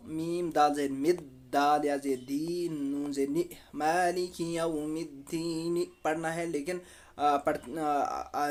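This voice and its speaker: A man teaching Quran recitation with tajweed. He spells out letters and vowel marks slowly, then explains the rule, and asks and answers his own questions. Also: fairly high pitch.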